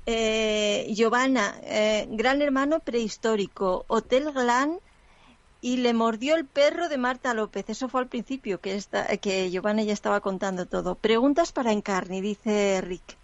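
Casting: woman co-host, fairly high voice, dry and muffled, reading messages. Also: a little slow, no echo. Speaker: radio co-host.

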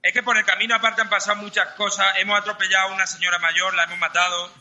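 A man calling in to a comedy show from outside, telling an absurd trip story deadpan. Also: high-pitched, very fast, highs cut off. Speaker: show regular on a remote link. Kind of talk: comic live report.

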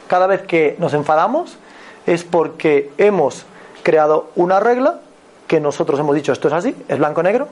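A man with an accent from Spain giving a motivational talk as a personal growth mentor, animated and repetitive, often checking in with his listeners. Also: fairly high pitch. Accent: Spain Spanish.

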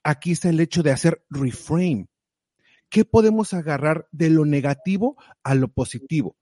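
A man talks in a casual conversation, lively and direct, as he urges the listener on. His voice sits a little high but has a mellow, warm tone. The sound is dry and close, with no room echo. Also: moderate pace. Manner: animated, motivational, direct. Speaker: guest sharing advice.

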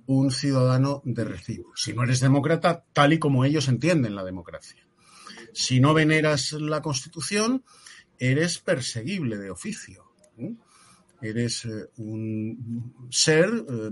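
Man, Peninsular Spanish accent, political commentator, emphatic, rhetorical, breathy-husky voice, lively melody. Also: medium pitch. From Spain. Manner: emphatic, rhetorical questions, frequent tag "¿eh?". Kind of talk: opinionated talk show commentary.

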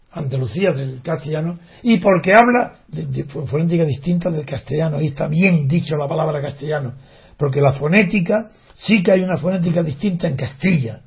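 High-voiced man ranting in a monologue, indignant rhetorical questions, dull lo-fi sound. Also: gravelly. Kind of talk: impassioned monologue. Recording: dull lo-fi recording.

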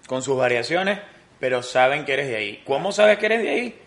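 A man's voice: mid-range voice, expressive, a little fast, fairly bright tone. A man, co-hosting a casual podcast chat, joking and slangy, fond of repeating phrases for comic effect. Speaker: podcast co-host.

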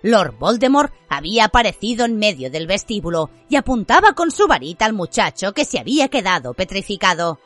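Expressive woman narrating an audiobook. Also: medium pitch, fairly quick, hardly any pauses, soft background music. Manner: expressive, dramatic reading.

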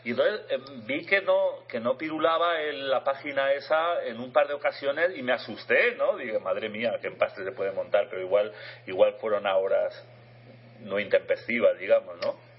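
A male radio co-host chats casually in a husky, middle-pitched voice. He stammers and repeats words as he goes, and the recording is slightly muffled and lo-fi. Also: normal speed. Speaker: radio chess show co-host. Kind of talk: casual unscripted chat. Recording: dull lo-fi radio sound.

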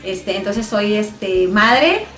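A woman's voice: mid-range voice, expressive, very slow. A woman in her thirties from Chihuahua with a northern Mexican accent, talking about her faith as a guest in a radio interview, chatty and full of fillers. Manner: warm, chatty, laughing, many fillers. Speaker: guest singer and missionary. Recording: roomy studio with faint music.

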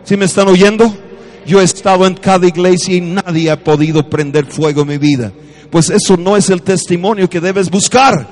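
A man preaching a charismatic sermon, swinging from shouted declarations to quiet storytelling and having the congregation repeat after him. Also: high-pitched, normal speed. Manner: calls on the congregation to repeat phrases.

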